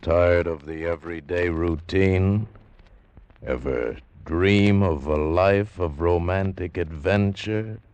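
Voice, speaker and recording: Deep, slow American radio announcer man. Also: a little mellow, no room sound. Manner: deliberate, portentous. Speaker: program announcer. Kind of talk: old-time radio dramatic announcing.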